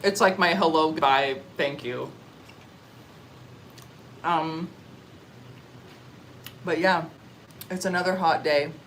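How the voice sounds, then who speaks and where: A young woman from Canada chatting casually on a livestream while eating, answering comments in a relaxed, chatty way with little murmurs of enjoyment. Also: sits low, slow pace, long pauses, slight background noise, rough recording. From Canada (Ontario). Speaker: livestream vlogger. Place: outdoors or open space in a warm country.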